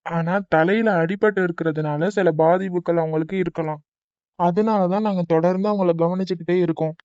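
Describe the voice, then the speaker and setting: A man voicing a calm cartoon doctor who reassures a worried family member. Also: high voice, a little fast, smooth, dry recording, lightly acted. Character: calm male hospital doctor. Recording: dull dry recording with faint music.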